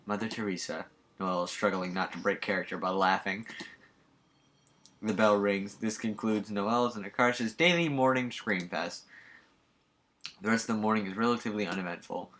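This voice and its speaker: A man reads a game aloud and drops wry, offhand asides. His voice is low-pitched with a bright edge. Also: moderate pace, slight background noise. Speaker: game player. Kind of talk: reading a game aloud with commentary.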